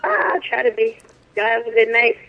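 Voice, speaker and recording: High-voiced man on a muffled phone line. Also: completely flat delivery, brisk, crowd noise. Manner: laid-back, laughs easily. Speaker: caller, recording artist. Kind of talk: casual call-in chat. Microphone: phone call.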